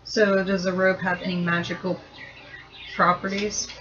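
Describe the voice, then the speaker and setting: A woman player in a casual tabletop role-playing game, asking questions in a relaxed way. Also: measured pace. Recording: dull low-fi sound with faint noise.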